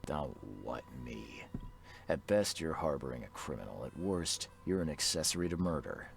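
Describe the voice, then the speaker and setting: A man playing a hard-boiled, blunt private investigator in a video game, with a gravelly voice and a terse, dry manner. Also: rumbling low, expressive, normal speed, soft background music, heavily acted. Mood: stern, pressing. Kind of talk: video game character acting.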